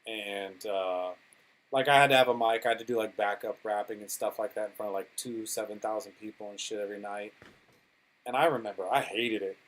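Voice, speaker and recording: A man's voice: fairly low pitch, steady tone, fairly quick, fairly bright tone, rough recording. A man talking casually as a podcast guest, a DJ and producer who rambles through stories and swears freely. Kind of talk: casual interview chat.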